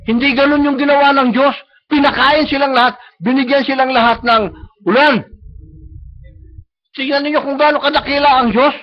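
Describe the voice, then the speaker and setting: A man with a Filipino accent preaching a sermon, often checking in with the congregation and slowing down to stress quoted lines. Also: extremely high pitch. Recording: muffled live-stream recording.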